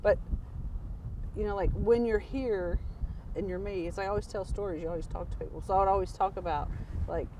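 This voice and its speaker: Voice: medium pitch, steady tone, a little fast, pauses often, dark tone, distant mic, slight background noise, poor audio. A speaker from Tennessee with a Southern accent, telling rambling stories in casual chat. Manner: rambling, anecdotal, many "like" fillers. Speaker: interviewee, local.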